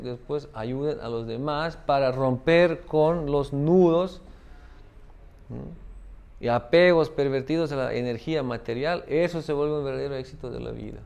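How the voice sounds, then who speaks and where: Man, spiritual teacher, gravelly voice, keeps asking "¿no?". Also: medium pitch, a little mellow. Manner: tag question "¿no?" after many phrases. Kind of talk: devotional talk with a parable.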